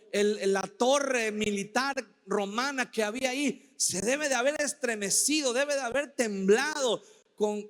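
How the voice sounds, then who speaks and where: Pastor, man, very high voice, unhurried emphatic sermon delivery, long hall reverb. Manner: slow, emphatic preaching with dramatic quoted cries. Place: church sanctuary.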